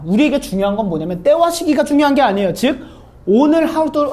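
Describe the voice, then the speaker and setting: A woman pastor in her thirties delivers a relaxed, storytelling sermon. She jokes and briefly acts out the people in her stories. Her voice sits somewhat high yet sounds soft and mellow. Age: 30s. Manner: lively, joking, acts out quoted voices.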